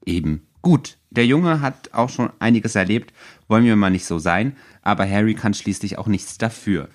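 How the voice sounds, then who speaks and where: A man with a lowish voice co-hosts a casual podcast about a book. He is ironic and makes jokes as he goes. The talk sounds loose and unscripted. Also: normal speed. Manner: ironic, joking. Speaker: podcast co-host.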